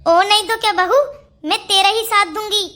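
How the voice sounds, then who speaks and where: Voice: very high-pitched, steady tone, normal speed, bright, forceful tone. A performer voicing a sly, bossy older mother-in-law in a Hindi cartoon story, scolding and plotting. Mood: scheming.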